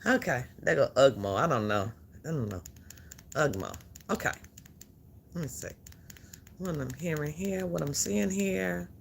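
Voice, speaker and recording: An adult speaker of unstated sex hosting a casual livestream, animated and repetitive, calling people out and talking back over a video they play. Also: medium pitch, a little slow, creaky, long pauses, a little hiss or hum. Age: adult who works a job. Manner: animated, repeats phrases, calls people out. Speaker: livestream host. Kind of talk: casual live-stream commentary.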